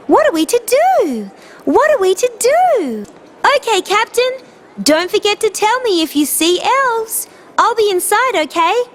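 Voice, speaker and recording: Very high-pitched, cheerful, gentle dinosaur. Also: female voice, a little hiss or hum, full character voice. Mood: playful, puzzled. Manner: sing-song, simple, encouraging delivery for small children. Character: cheerful, gentle female dinosaur, friend to small children. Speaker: children's show character. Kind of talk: children's show narration.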